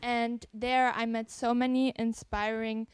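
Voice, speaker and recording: A young woman from Switzerland speaks earnestly on a panel, pausing softly as she gathers her thoughts. Her voice is smooth and clear, with a fairly flat melody. The sound is close and dry. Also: fairly high pitch, no room sound. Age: young adult. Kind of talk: personal statement on a panel.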